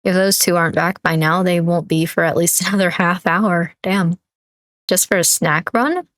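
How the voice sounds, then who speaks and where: A bookish young student with a dry, doubtful way of talking, read by a woman. The voice sits low and close to the mic, in a dry room with no echo. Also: steady tone, normal speed, fairly bright tone, lightly acted.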